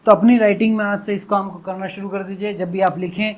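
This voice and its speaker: High-voiced man teaching Hindi letters. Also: fairly even intonation. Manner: explains slowly, drawing out syllables for pronunciation drills. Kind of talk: classroom-style lesson explanation.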